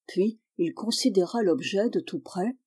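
A woman calmly narrating a novel in a measured storytelling voice. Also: mid-range voice, slightly rough. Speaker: audiobook reader.

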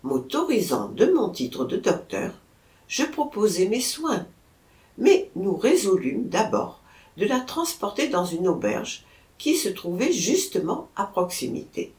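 A woman reads a first-person story aloud in a measured, expressive style. Her pace is slow and her pitch moves in lively arcs. The recording has a roomy echo. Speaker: audiobook narrator.

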